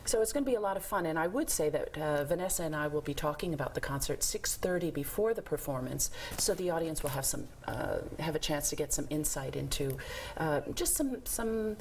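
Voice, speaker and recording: A woman's voice: low-pitched, expressive, fairly quick, a little hiss or hum. A woman orchestra conductor giving an enthusiastic studio interview, with many fillers. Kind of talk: interview guest.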